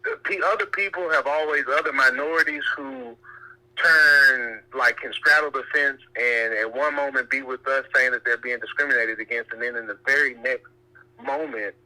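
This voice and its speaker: Over what sounds like a phone line, a man calls in and shares his views, pausing and looping back to reword what he has said. He speaks in a mid-range voice that is steady, bright and forceful.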